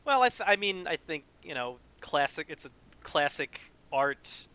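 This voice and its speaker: A man with a very bright, tense voice talks about the art of a sculpture. He leans on "you know" in nearly every sentence. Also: a little high, big pitch swings, moderate pace, clear, resonant tone, dry recording. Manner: says "you know" constantly. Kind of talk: casual film discussion.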